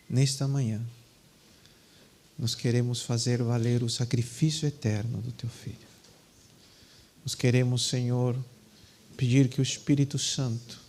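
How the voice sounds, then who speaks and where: A Peruvian pastor speaks Portuguese with a Peruvian Spanish accent, first chatting casually with his church congregation, then praying fervently and loudly. His medium-pitched voice is creaky, and the recording is rough.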